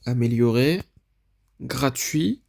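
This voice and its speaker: A man's voice: medium pitch, animated, slow pace, vocal fry, a little mellow. A man giving casual let's-play commentary, thinking aloud as he reads through menus and often admits he is unsure what things mean. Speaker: gaming video creator.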